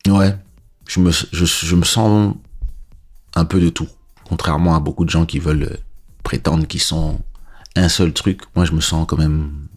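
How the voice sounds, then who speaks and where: A man from Congo, raised in France, hosting a relaxed livestream and answering viewer questions in an unhurried way. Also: rumbling low, soft background music. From Congo, raised in France from age seven. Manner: relaxed and unhurried, pauses with filler sounds. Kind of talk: casual livestream chat reading viewer questions. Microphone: dynamic podcast-style microphone.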